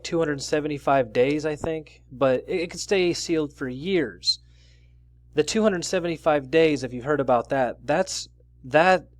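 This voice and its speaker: A man's voice: medium pitch, no room sound, studio quality. A man hosting his own news commentary video, talking through stories casually and reading bits of articles aloud with his own asides. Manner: conversational, reads out article excerpts with asides.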